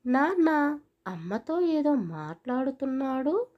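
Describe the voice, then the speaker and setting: A woman's voice: high-pitched, big pitch swings, slow pace, muffled recording, heavily acted. A woman voicing a brusque, impatient young husband in an audio story, with curt, scolding lines. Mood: fretful.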